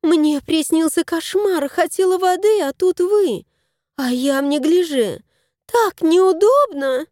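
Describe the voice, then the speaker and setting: A woman's voice: extremely high pitch, lively intonation, takes it slowly, darkish tone, dry recording, clean studio sound, voice pushed up, full character voice. A woman voicing a sweet-talking, scheming young woman guest in a storybook reading. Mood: sugary. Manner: sweet, affected. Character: sly sugary young woman house guest.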